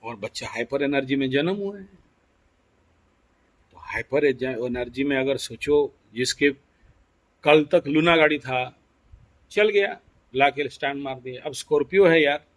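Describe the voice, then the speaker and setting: A man's voice: medium pitch, a little slow, pauses often. A man teaching astrology in an explanatory lecture. He mixes in English phrases and keeps asking his listeners rhetorical questions.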